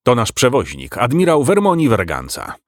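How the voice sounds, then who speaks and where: A man's voice: mid-range voice, wildly swooping pitch, moderate pace, dry recording, studio quality. A man voicing a haughty, knowing male guide who answers dismissively. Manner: dismissive, slightly mocking.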